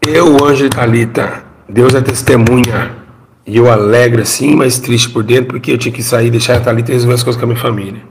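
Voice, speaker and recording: A man's voice: mid-range voice, fairly even intonation, quick pace, a little hiss or hum. A middle-aged Brazilian man and former pastor gives an emotional testimony. He tells the story dramatically, repeats his phrases and has the audience repeat after him.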